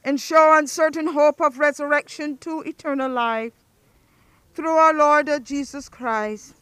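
Slow, solemn woman reading funeral rites. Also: high-pitched, fairly even intonation, fairly bright tone, no echo. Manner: measured, solemn recitation. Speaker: officiant at a burial.

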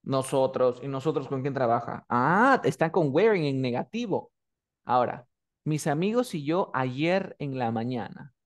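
A man's voice: medium pitch, animated, measured pace. A man teaching English in Spanish, patiently repeating words to drill pronunciation. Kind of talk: online English lesson in Spanish.

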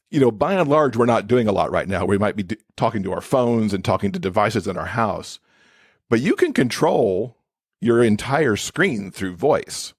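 A man with a lowish, husky voice appears as an expert guest on a podcast, explaining things in a conversational interview style. The sound is studio quality with no echo.

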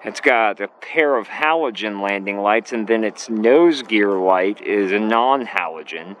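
A man's voice: on the low side, animated, unhurried, noisy background. A man giving casual running commentary as a plane spotter outdoors. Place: outdoors near an airport. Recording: loud outdoor aircraft roar.

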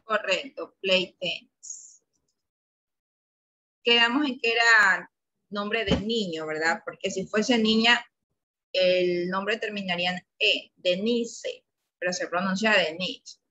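Patient Ecuadorian woman teacher, bright voice. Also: mid-range voice, a little slow, rough recording. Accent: Ecuadorian Spanish. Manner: patient, coaxing questions to pupils. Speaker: primary school English teacher. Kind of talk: online class lesson.

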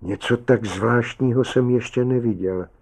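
A man doing a quiet, grave old lifeguard. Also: medium pitch, creaky. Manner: quiet and slow. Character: weathered middle-aged male lifeguard, grave and gentle.

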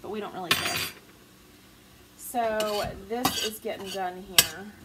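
Cooking at home, a stay-at-home mom vlogger in her forties chats at a slow pace in a medium-pitched voice, easygoing and quick to laugh at herself during this casual cook-along. The camera sits low on the counter, a distant mic picking up heavy background noise: loud clatter, sizzling pans and clinking cutlery.

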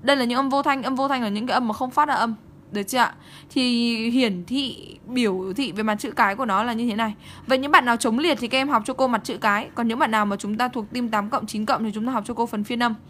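A woman teaching an online English exam-prep lesson, speaking briskly and checking in with her students again and again. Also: a little high, steady tone, fairly bright tone, slight background noise. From Vietnam.

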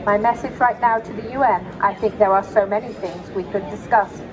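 A synthetic female humanoid robot voice answering questions in formal, measured sentences without contractions. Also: medium pitch, steady tone, poor audio. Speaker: interviewee. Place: busy tech expo hall. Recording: loud crowd and music behind.

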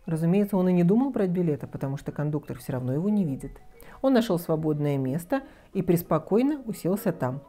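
A woman reading a children's fairy tale aloud with expressive, lively storytelling. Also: on the low side, fast talker, soft background music.

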